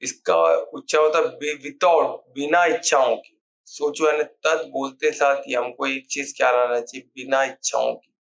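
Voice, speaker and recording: A man's voice: mid-range voice, steady tone, normal speed, gravelly, fairly bright tone, highs cut off. A man giving an informal spiritual talk on scripture, asking rhetorical questions and repeating key words. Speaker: spiritual teacher explaining scripture. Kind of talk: informal Hindi discourse on scripture.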